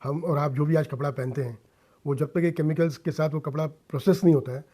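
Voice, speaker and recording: This guest on a radio interview, a middle-aged businessman and social worker from India, talks with earnest conviction and mixes in bits of English. He sounds brisk and dark-toned, his pitch fairly high and his intonation mostly even, in a studio setting.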